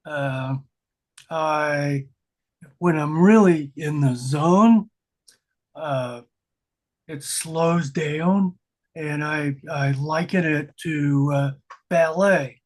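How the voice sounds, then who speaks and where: An older man talks slowly and unhurriedly, pausing with fillers as he recalls things. His voice sits a little higher than most men's. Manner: relaxed, unhurried, hesitant with fillers. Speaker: conference participant. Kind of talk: casual sharing in a workshop.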